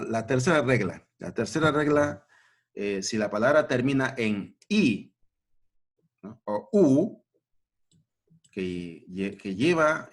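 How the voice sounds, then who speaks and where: A man teaching a grammar lesson at a board, repeating points and checking in with short questions. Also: lowish voice. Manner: slow, repetitive, checking in with "¿no?" and "¿ya?".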